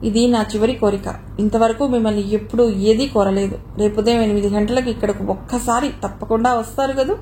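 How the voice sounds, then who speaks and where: A woman's voice: a little high, fairly even intonation, a little fast, hardly any pauses, mellow, a little hiss or hum, lightly acted. A woman reading a cool, proud young woman. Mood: pleading. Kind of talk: audio novel reading.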